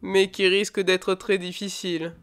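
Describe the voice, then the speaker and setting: A woman voicing a stern, fatherly older lord with a beard, speaking in a grave, measured way. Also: medium pitch, level tone, clean tone, soft background music, pitched below the performer's own voice, natural voice.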